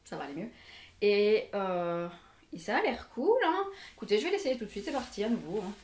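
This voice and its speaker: A woman's voice: mid-range voice, sing-song, brisk, darkish tone, a little hiss or hum. Chatty Belgian woman in an echoey room. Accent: Belgian French. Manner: chatty, self-mocking, laughs often. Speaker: fashion vlogger. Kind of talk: casual try-on haul chat. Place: bedroom with mirror. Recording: echoey room, mic at a distance.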